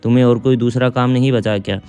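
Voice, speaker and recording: A man's voice: medium pitch, fairly even intonation, quick pace, warm tone, soft background music, natural voice. A man voicing a lazy, scheming young daughter-in-law who resents her mother-in-law. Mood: resentful. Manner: sulky, resentful.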